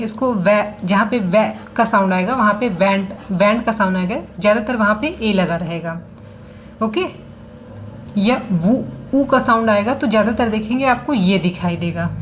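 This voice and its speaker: A woman with a mid-range voice teaches English phonics. She slowly sounds out letters and syllables, breaking off now and then to correct herself. A faint hiss of noise sits under her voice. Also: medium pitch. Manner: breaks words into sounds, spells letters aloud, self-correcting. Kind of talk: classroom-style lesson explaining syllables.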